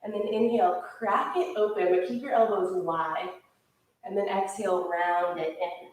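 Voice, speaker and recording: A woman teaching a yoga class, calmly and steadily cueing breaths and movements. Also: medium pitch, normal speed. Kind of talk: guided yoga class instruction. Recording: echoey room, voice from far off.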